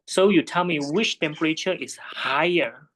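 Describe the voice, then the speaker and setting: A man's voice: fairly high pitch, normal speed, fairly bright tone. A man tutoring a student one-on-one in physics, patiently checking her understanding with frequent tag questions.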